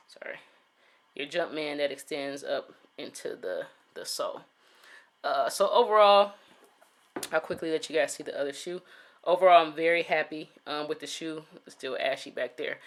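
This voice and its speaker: A man's voice: fairly high pitch, fairly bright tone. A man giving a casual sneaker review, laid-back and full of "um" fillers, talking straight to his viewers. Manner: laid-back, many "um" fillers, talks to "you guys".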